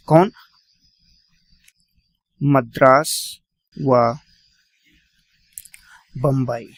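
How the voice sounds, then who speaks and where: Gravelly male teacher lecturing. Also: fairly high pitch, no echo. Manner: repeats key points and quizzes students; addresses students as "beta". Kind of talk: classroom lecture.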